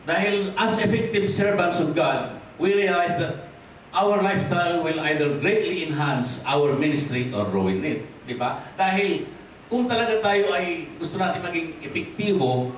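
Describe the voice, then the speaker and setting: A man with a Filipino accent preaching a sermon as pastor, switching freely into English, rising to stress points and dropping low and quiet to close them. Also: lively intonation, a little slow, a little hiss or hum. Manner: mixes in English, asks the congregation for amens. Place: church hall. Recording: echoey hall from far off.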